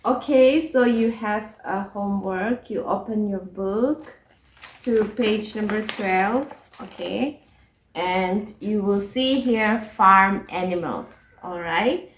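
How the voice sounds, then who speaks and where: A woman's voice: medium pitch, slow pace. A woman teaching an English lesson to children, patiently repeating each word and checking in with "okay?" and "right?". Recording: echoey room.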